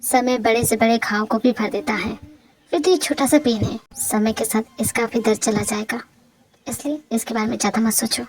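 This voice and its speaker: A woman voicing a tender young husband in a fan audio drama, speaking low and softly to comfort his wife. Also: fairly even intonation, normal speed, natural voice. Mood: soothing. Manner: soft, soothing, reassuring. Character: tender, devoted young husband, soothing and calm.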